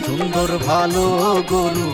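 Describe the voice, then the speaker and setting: A man making a market announcement in a drawn-out calling voice, heard as an outdoor loudspeaker. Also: sits high, little pitch movement, in a large hall, over loud music.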